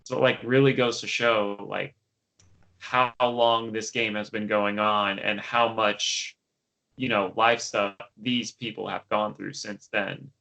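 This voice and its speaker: Young male podcast co-host, lowish gravelly voice with a bright edge, loose filler-heavy chat. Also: flat delivery, slow, rough recording. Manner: chatty, many fillers and restarts. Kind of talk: casual chat.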